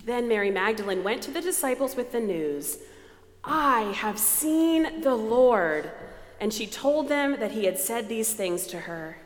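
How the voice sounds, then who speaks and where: A woman leading a dramatized scripture reading, animated and prompting listeners to join in. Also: medium pitch, moderate pace, few pauses. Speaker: lead reader. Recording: echoey hall with long reverb.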